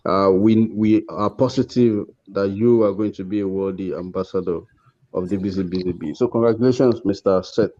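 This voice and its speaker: A man with a Nigerian accent and a deep, dark voice hosts an informal course awards ceremony over a video call. He speaks at normal speed with fairly even intonation, encouraging and congratulatory, and the online call audio is dull and lo-fi.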